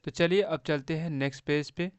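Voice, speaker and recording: A man's voice: a little high, clear, resonant tone, no room sound. A man teaching beginners to read English, spelling words out letter by letter and checking in often with a friendly "okay". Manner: slow, spells words letter by letter and repeats "thik hai". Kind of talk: phonics lesson for beginners.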